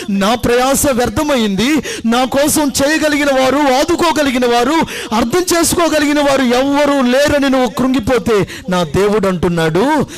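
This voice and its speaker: A male pastor preaching a fervent sermon, rising to loud exclamations, repeating phrases and calling for amens and applause. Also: very high voice.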